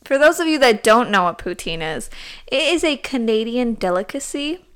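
A woman's voice: fairly high pitch, lively intonation, normal speed, smooth. A woman co-hosting a podcast in casual chat, rambling a little with fillers. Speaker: podcast co-host.

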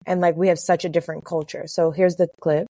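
A woman from the Caribbean, co-hosting a podcast in casual chat, chatty and quick to laugh. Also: on the low side, flat delivery, dark tone, no room sound. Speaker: podcast co-host.

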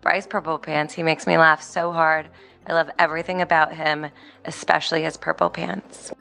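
A woman's voice: low voice, flat delivery, moderate pace, creaky, bright, forceful tone, soft background music. A woman leaving a playful, gushing voicemail message. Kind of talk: recorded voicemail.

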